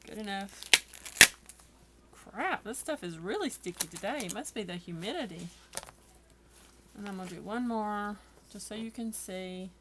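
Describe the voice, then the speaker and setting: A woman's voice: medium pitch, expressive, normal speed, long pauses, heavy background noise. Tired, chatty woman crafting. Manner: chatty, self-deprecating, rambling. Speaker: craft vlogger. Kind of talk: casual craft tutorial.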